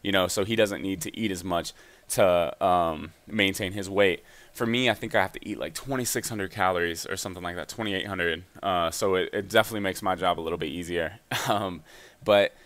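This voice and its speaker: Young man, low voice, rapid casual gaming voice-over commentary. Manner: fast, energetic and chatty. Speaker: gaming YouTuber giving fitness advice.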